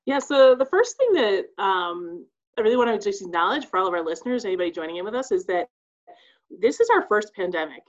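A woman's voice: mid-range voice, very animated, brisk, highs cut off. A woman, a school social worker, speaking as a guest on a podcast and explaining her work earnestly, with some fillers. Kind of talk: casual podcast interview.

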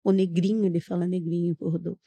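Lowish, creaky, warm and slightly rough, this woman's voice stays level while she talks quickly. She is a middle-aged Brazilian guest on a podcast, earnestly telling her personal testimony step by step and acting out what people said to her.

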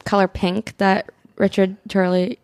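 A woman co-hosting a podcast with a creaky voice and a blunt, teasing, casual way of talking. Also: medium pitch, little pitch movement, measured pace, a little mellow, no echo. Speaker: podcast co-host. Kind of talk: casual banter.

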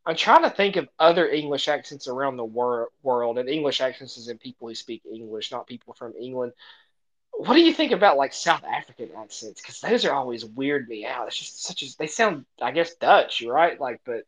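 A man's voice: mid-range voice, big pitch swings, normal speed, fairly bright tone, poor audio. An American man co-hosting a podcast in casual chat, often laughing as he talks. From United States. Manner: laughs often mid-sentence. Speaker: podcast co-host.

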